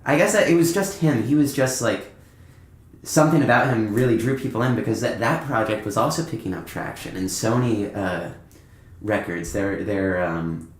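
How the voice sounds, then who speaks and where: A young adult man who plays in a band appears as a podcast guest, rambling informally through casual anecdotes. His voice sits on the low side at a moderate pace. The podcast audio sounds echoey and roomy.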